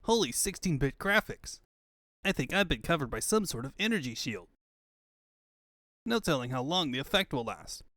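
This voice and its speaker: A man's voice: fairly high pitch, big pitch swings, normal speed, pauses often, sharp tone, no room sound, clean studio sound. A man voicing a cocky young male hedgehog hero with quippy, breezy banter in a comic book fandub. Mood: alarmed, quipping.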